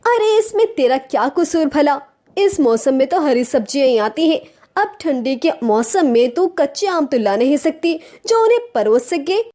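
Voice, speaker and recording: Lady doing caring girlfriend, soothing and chatty, high voice, cartoon. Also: sing-song, normal speed, dark tone. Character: caring young woman friend, soothing.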